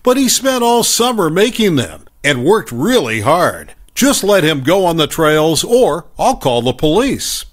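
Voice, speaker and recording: An entitled, demanding father, read by a man narrating a story. The voice stays near the reader's own, a little high and lively in pitch, insisting on getting his way. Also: unhurried, few pauses. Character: angry entitled middle-aged father.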